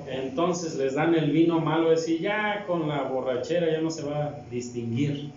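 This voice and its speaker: A Mexican deacon preaches a sermon in a mellow, slightly high voice at a moderate pace, reading from the Bible and repeatedly posing rhetorical questions to the congregation. The recording is dull and distant, with heavy church-hall echo and a little hiss or hum.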